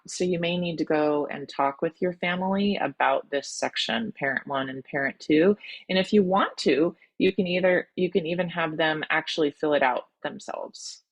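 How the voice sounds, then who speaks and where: Over a video call, a woman who works as a college admissions counselor leads an online workshop. She's encouraging, her voice sits low, and her speech is full of ums and restarts.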